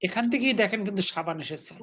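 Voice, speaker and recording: A man's voice: high voice, fast, a bit bright, slightly rough. A man teaching an Arabic class online, patiently explaining grammar and correcting his students' pronunciation.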